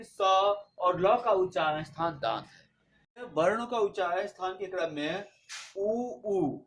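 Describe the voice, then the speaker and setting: A man teaching a grammar lesson, patiently spelling out letters one by one and stressing what to memorise for exams. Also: high voice. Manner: patient, repeats letters slowly and drills points for exams. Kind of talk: Hindi grammar lesson for exam students.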